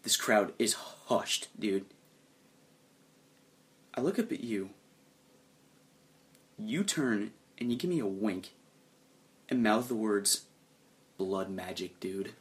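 A man narrating a tabletop role-play game as game master, telling the story dramatically and dropping low and hushed for suspense. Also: expressive, slow, long pauses.

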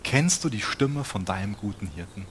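A man's voice: fairly low pitch, animated, normal speed, slight background noise. A man preaching a sermon in an earnest tone, often putting direct questions to his listeners.

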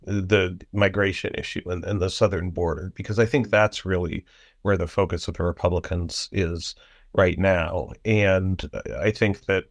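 Deep-voiced man, halting policy talk. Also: fairly even intonation, no echo, studio quality. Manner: halting, many fillers and restarts. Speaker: panel guest analyst. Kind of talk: policy discussion.

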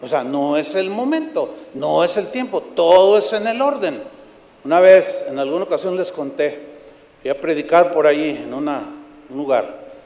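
A man with a high voice preaches to his church, storytelling with animation and mimicking worshippers' shouts. His words carry through a large, echoey sanctuary with a long ringing tail. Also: animated, moderate pace. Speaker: pastor. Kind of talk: sermon.

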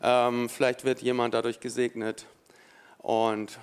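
A man's voice: mid-range voice, monotone, unhurried, clean tone, in a large hall. A man preaching a sermon from a church stage, talking casually with many fillers and restarts and reading a scripture passage aloud. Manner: conversational, with frequent fillers and restarts.

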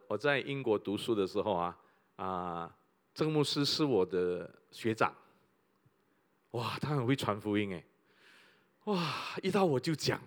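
A pastor preaching a sermon, full of rhetorical questions and repeated phrases. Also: male voice, on the high side, fairly bright tone.

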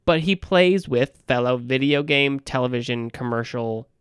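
A man's voice: mid-range voice, normal speed, smooth, dry recording, clean studio sound. A man co-hosting a podcast about tabletop gaming, chatting casually, rambling and swearing freely. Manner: rambling, swears freely, laughs mid-sentence. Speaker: podcast co-host, game master. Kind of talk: casual chat.

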